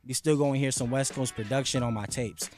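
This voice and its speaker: A young man talks about his music in a relaxed, slangy way, leaning on fillers. His pitch sits at a middling level for a man. Faint music plays behind him. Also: a little fast. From Los Angeles, US. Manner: laid-back, heavy fillers, slangy. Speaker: rapper guest. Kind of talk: casual interview chat.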